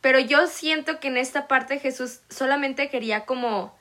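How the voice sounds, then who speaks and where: A woman's voice: sits high, sharp tone. A young woman with a Mexican accent, chatting playfully about faith and retelling scripture with slang. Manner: playful, slangy, quick to laugh. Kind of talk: casual faith discussion.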